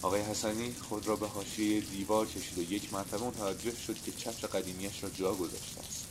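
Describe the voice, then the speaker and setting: A man narrating a literary short story in a steady, measured storytelling manner. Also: deep voice, background noise.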